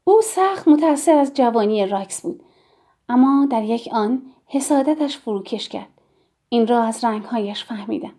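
A woman narrates a novel in the first person, in a measured, expressive storytelling manner. Her voice sits fairly high for a woman. The tone is warm and mellow rather than bright. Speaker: audiobook narrator.

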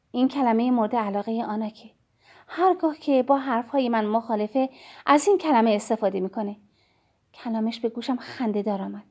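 Woman reading a story, warm mellow voice, a bit high, acts out the dialogue. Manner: first-person storytelling, voicing each character. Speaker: audiobook narrator. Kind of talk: storybook narration with acted dialogue.

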